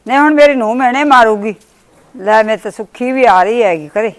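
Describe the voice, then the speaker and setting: A woman's voice: a little high, fairly quick. A woman playing an aggrieved mother who pleads and complains in a family drama skit. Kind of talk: village family drama acting.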